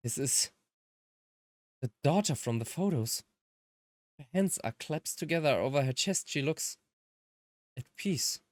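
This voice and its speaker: With game music in the background, this let's player, whose first language is German, alternates between theatrically reading visual novel lines and mumbling side comments. Her low, slightly mellow voice is animated and measured, with long pauses, in a dry, clean studio recording.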